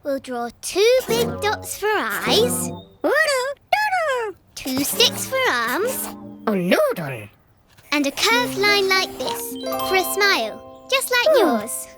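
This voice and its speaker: Very high-pitched child magician, cheerful cartoon wizard. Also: very animated, very slow, long pauses, full character voice. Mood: showy, encouraging. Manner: exclamatory, encouraging, coaxing young viewers along. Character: cheerful child wizard-in-training, kids' party magician manner. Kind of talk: children's cartoon presenting, party-magician patter. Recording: children's music behind the voice. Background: children's music.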